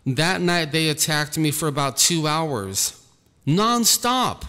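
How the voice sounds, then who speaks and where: Slow, earnest man with echo. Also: on the high side, bright, forceful tone. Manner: earnest, slow, repeats himself. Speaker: ministry leader. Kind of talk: personal testimony monologue.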